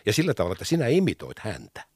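A man interviewing a guest, asking questions in a playful, lively way. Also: fairly low pitch, no room sound, studio quality.

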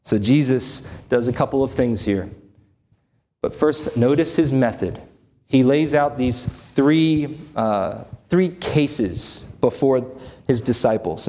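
A man's voice: medium pitch, a little mellow, slight background noise. A man, preaching a sermon in a church, explaining scripture earnestly and asking rhetorical questions. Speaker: pastor.

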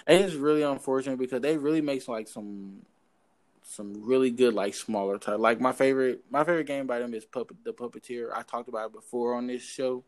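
A man's voice: medium pitch, fairly quick. A man co-hosting a casual gaming podcast, rambling with many fillers as he searches for words. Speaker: podcast co-host. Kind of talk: casual chat.

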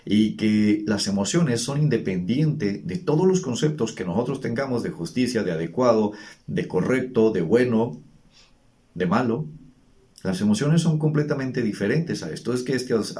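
Earnest man, a fatherly advice giver, low and warm. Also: expressive, normal speed. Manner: earnest, teacherly, rhetorical questions. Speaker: father giving emotional advice. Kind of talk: reflective monologue.

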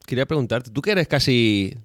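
A man's voice: mid-range voice, animated, fairly quick, no echo. Slangy man chatting, dry sound. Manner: casual, slangy. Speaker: podcast co-host. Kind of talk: casual chat.

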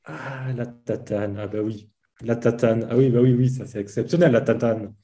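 Guy from southeast france, faded southern accent, dark mellow voice, loose chatty talk full of fillers. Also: mid-range voice, normal speed. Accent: southern French, softened. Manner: relaxed, hesitant, many fillers. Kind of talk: casual conversation.

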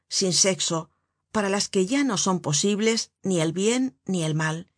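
A woman narrating an audiobook in a measured, deliberate reading voice. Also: on the low side, dry recording, studio quality. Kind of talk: scripted narration.

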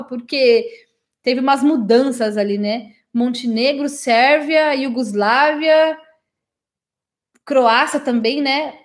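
A Brazilian woman whose first language is Portuguese teaches English live to her viewers in a bright, high-pitched voice. She's chatty and affectionate, checking in with her audience and sprinkling her sentences with "né?" tags.

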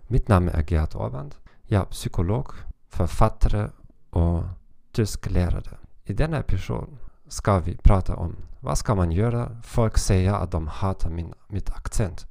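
A man hosting a language-learning podcast, talking in a halting, careful way with frequent pauses. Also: low-pitched, vocal fry, a little mellow, no room sound, clean studio sound. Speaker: podcast host and language teacher. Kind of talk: informal podcast monologue.

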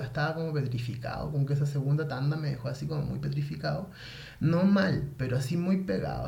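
A man with a fairly high, gravelly voice tells a winding personal story, animated and full of slang. His voice rings around an echoey room. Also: lo-fi sound. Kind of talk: casual storytelling monologue.

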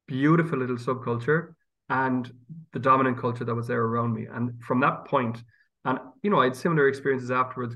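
The voice is medium-pitched and a bit bright, captured with lo-fi sound. It belongs to a priest from County Galway in the west of Ireland, a guest being interviewed who talks conversationally and thoughtfully in his local accent.

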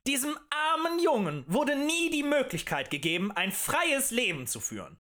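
A man voicing a fiery male demagogue who rants and shouts at a tavern crowd in an audiobook. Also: very high-pitched, very animated, moderate pace, pitched above the performer's own voice, heavily acted. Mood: ranting. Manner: ranting, shouting, rhetorical and accusing.

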